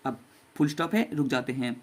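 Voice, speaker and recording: A man's voice: medium pitch, lively intonation. A man teaching a basic English reading lesson to children, spelling each word out letter by letter and repeating it. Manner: spells words letter by letter and repeats them slowly.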